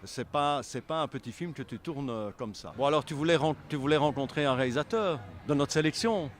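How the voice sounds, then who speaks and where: A man's voice: fairly high pitch, animated, brisk. A man giving conversational, explanatory interview answers, rephrasing as he goes. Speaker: film selection association member being interviewed. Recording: faint background city noise.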